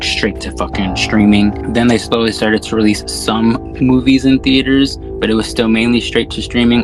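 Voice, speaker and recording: A man with a lowish voice hosts a podcast, rambling casually about films in slangy, sweary language. The recording sounds rough.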